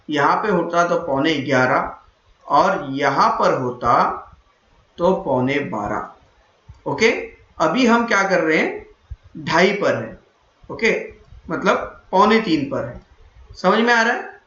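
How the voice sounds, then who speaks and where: A man with a high voice teaches a math lesson, patiently going over each point again and stopping to quiz his students. The sound is roomy and echoey, and the recording is dull and lo-fi. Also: fairly bright tone. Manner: patient, repeats points and quizzes the listener. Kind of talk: explaining a classroom lesson.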